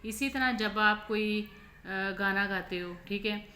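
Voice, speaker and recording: A woman's voice: medium pitch, sharp tone. Pakistani teacher woman, patient lesson voice. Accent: Pakistani Urdu. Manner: explains slowly, repeats "ठीक है?" often. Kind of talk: online lesson explanation. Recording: echoey room with faint noise.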